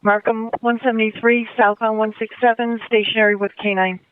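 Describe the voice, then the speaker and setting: A man's voice: high voice, level tone, brisk, clear, resonant tone. A man dispatching over police radio, repeating back each report in short clipped phrases. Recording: tinny police radio transmission.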